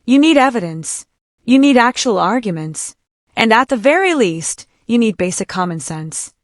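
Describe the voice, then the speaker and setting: A woman's voice: on the high side, very animated, moderate pace, dry recording, studio quality. A woman hosting with scripted opinion commentary in a mocking, incredulous manner. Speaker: commentary host.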